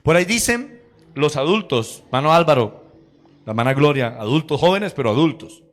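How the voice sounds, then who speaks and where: A man's voice: fairly high pitch, animated, moderate pace. A man preaching a sermon in a church, telling personal stories with acted quotes and laughter. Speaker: pastor.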